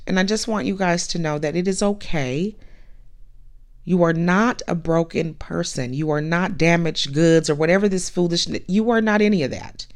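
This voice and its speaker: A woman's voice: lowish voice, gravelly. A woman podcast host giving a blunt, emphatic motivational monologue, repeating her points and swearing casually.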